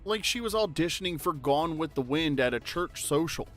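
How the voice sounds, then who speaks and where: A man narrates a pop-culture trivia video in an upbeat, jokey, conversational read. His voice sits a bit high for a man, with faint music under it. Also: animated, moderate pace, a bit bright. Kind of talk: scripted narration.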